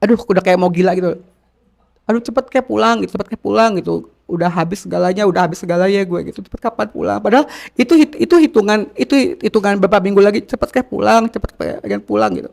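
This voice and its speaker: A man from Jakarta, a guest in a casual confessional interview, talks fast and expressively in a high, creaky, slightly mellow voice. His speech is slangy and informal, and he rambles, repeating phrases as he speaks with feeling.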